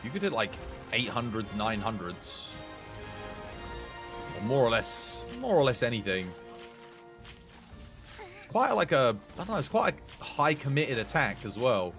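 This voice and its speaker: A man's voice: medium pitch, big pitch swings, unhurried, pauses often, music in the background. A young man on a headset mic, chatting casually to his livestream viewers while commenting on his game. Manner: chatty, rambling, swears mildly, talks to chat. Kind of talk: casual gameplay commentary and chat.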